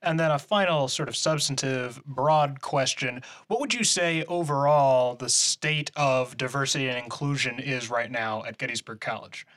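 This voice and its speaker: A man hosting an interview podcast, asking questions in a measured, polite way with dry humor and then reading the closing credits. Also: mid-range voice, fairly bright tone. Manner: measured, polite, dryly joking. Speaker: podcast host. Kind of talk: interview and show outro.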